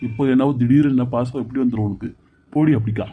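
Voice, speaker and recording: A man voicing a hot-tempered grown son and husband in a cartoon serial, gruff and commanding. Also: medium pitch, fast talker, narrow, tinny audio, natural voice. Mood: angry. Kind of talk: Tamil cartoon serial voice acting.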